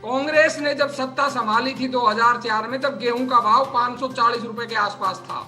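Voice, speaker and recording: A man's voice: extremely high pitch, steady tone, moderate pace, bright, forceful tone, soft background music. A man arguing as a party spokesman in a heated TV debate, rattling off figures and talking over others.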